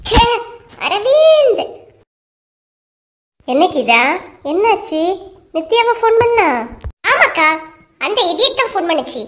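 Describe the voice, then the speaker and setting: Woman cartoon voice actor with a Kanyakumari Tamil accent, very high and animated, quarrelsome delivery. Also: slow pace, pauses often. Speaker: narrator voicing all characters. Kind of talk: cartoon voice acting.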